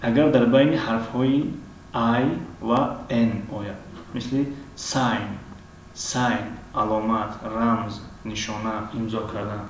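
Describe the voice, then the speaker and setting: A man with a Tajik accent teaching an English lesson. He pauses often with drawn-out fillers, clears his throat, and repeats each example word slowly. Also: fairly low pitch, little pitch movement. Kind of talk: language lesson. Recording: very echoey room, mic at a distance, faint background noise.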